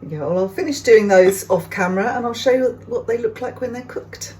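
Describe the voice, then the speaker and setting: A woman's voice: a little high, a little fast, darkish tone. A woman chatting casually as she bakes and tastes muffins in her home kitchen, talking to viewers in a self-mocking way. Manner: chatty, self-mocking, talks while baking and tasting. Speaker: vlogger.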